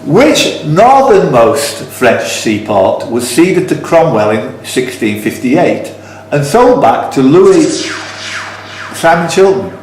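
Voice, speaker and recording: A quiz host with a highish, sing-song, somewhat dark voice reads out questions at a live quiz, taking his time and rambling into teasing, jokey asides. The room is echoey, with slight background noise.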